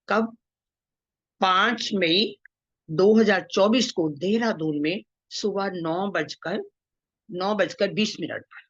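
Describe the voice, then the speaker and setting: A woman giving a devotional talk, retelling stories earnestly with gentle emphasis and quoted dialogue. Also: medium pitch, dry recording. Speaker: devotional speaker. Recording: dull dry lo-fi sound.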